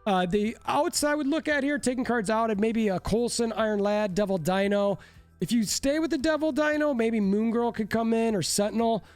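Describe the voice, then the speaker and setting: A card game content creator, congested from a cold, talks casually and a little self-deprecatingly while breaking down decks. His stuffy voice is very high-pitched and moves at a normal speed. There's no echo, just soft music in the background.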